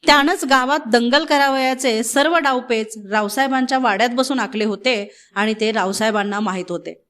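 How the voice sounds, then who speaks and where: A woman narrating a novel as an audiobook, in measured literary storytelling. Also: on the high side, a bit bright. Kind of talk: scripted narration.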